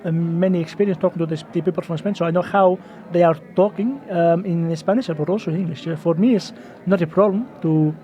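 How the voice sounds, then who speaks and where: A man putting on the voice of a self-assured man from Seville, speaking in halting, broken English with a heavy Spanish accent. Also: high voice, fairly even intonation, mellow, close to an everyday voice. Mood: earnest.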